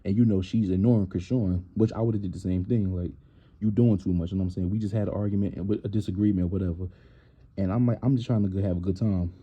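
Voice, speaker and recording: Deep, husky man giving blunt recaps. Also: quick pace, dull audio. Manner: blunt, opinionated, animated when quoting people. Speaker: reality TV recap host. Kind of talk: casual recap commentary.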